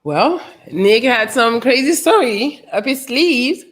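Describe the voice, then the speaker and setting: A woman's voice: a little high, lively intonation, takes it slowly. A woman from Paris hosting a casual live-stream, chatting with callers and asking them lots of questions. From Paris, France. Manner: friendly, curious, asks lots of questions. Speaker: host.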